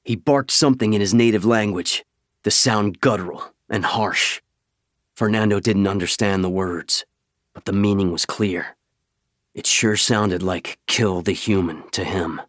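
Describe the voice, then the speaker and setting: A man narrating an audiobook in a measured, steady scripted read, on a studio microphone. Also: on the low side, dry recording.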